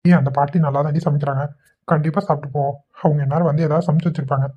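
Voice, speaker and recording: Woman doing a gruff young cartoon husband. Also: deep voice, steady tone, very fast, highs cut off. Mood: teasing. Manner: curt, scolding. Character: young husband, blunt and short-tempered.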